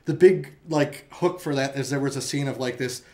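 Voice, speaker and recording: A man's voice: mid-range voice, moderate pace, warm tone. A man hosting a casual podcast chat who rambles and restarts his sentences often. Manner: rambling, hesitant with frequent restarts. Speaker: podcast host.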